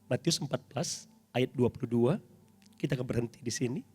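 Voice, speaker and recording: A middle-aged man preaching a sermon as pastor in a church, dramatic and animated, with sudden loud highs. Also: fairly quick, husky, faint music behind.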